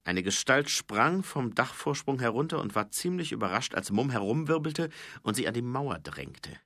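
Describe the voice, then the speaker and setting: A male audiobook narrator with an expressive, dramatic delivery. His voice is bright and lively in pitch, recorded dry and close. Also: normal speed, dry recording.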